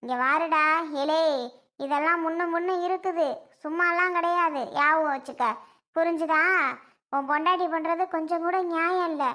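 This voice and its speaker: A woman playing a fussy, sharp-tongued old grandmother, scolding and complaining in a family comedy skit. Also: very high-pitched, fairly even intonation, normal speed.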